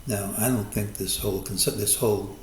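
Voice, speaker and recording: Low-voiced man forecasting markets, echoey room. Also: steady tone, darkish tone, a little hiss or hum. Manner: measured, cautious, hedging. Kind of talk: chart analysis monologue.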